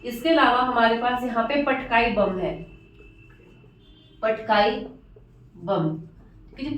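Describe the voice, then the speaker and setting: A woman's voice: fairly high pitch, a little hiss or hum. A woman teacher lecturing at a board, repeating key terms and asking and answering her own questions. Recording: echoey room from far off.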